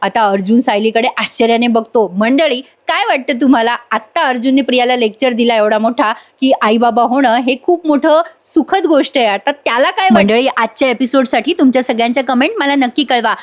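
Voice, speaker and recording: A woman with a high voice recaps a soap serial in a chatty voice-over. She talks straight to her viewers in a casual, friendly way. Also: brisk, hardly any pauses. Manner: chatty, addresses viewers directly. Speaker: serial reviewer.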